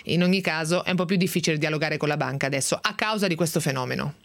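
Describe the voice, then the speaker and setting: Brisk female radio talk host. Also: deep voice, creaky. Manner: brisk, conversational, thanks callers.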